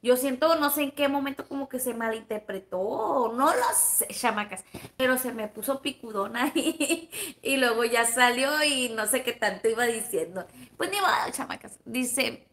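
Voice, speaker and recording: A livestream vlogger with a Sonoran Mexican Spanish accent chats casually, reading viewer comments in a slightly high, fairly bright voice at a moderate pace. She's gossipy and friendly, calling her viewers comadres and plebes.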